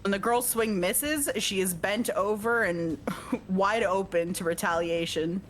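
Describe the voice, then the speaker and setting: A woman streamer, unhurried and mid-range in voice, reads the text of a visual novel aloud. Her steady delivery is often broken by casual asides, jokes and laughter shared with a co-player.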